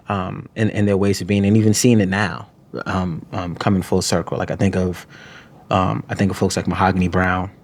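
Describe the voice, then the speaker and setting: Here the New York writer and poet sounds lowish and a little mellow as he reflects in an interview. Filler phrases like "you know what I'm saying" and repeated restarts make his speech halting.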